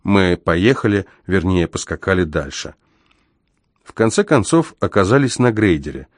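Male audiobook narrator, very deep voice, dry close recording, measured storytelling. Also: expressive, no echo. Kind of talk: first-person audiobook narration.

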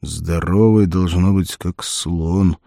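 A man voicing a gruff, fearless male barbarian warrior in an audiobook, speaking bluntly and tersely. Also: low voice, fairly even intonation, slow, warm tone, no room sound, studio quality, exaggerated voice. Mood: grim, low.

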